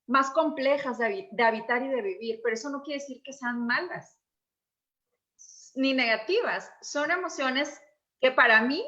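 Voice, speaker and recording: Woman coach, expressive explainer, high bright voice. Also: dull audio. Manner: expressive, reenacts dialogue. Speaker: emotions coach. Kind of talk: conversational explanation.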